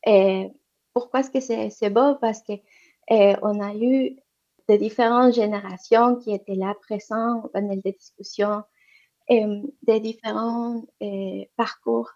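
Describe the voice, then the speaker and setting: This interview guest speaks at medium pitch with fairly even intonation, a little slowly and in a dark tone. She's from economic development, discussing women's entrepreneurship with frequent fillers and restarts, captured in muffled lo-fi sound.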